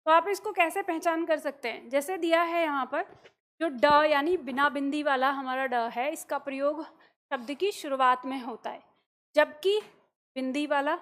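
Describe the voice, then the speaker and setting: A woman's voice: high voice, unhurried, a bit bright. A woman teacher explaining a lesson patiently, step by step, checking in with the listener as she goes. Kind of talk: classroom explanation.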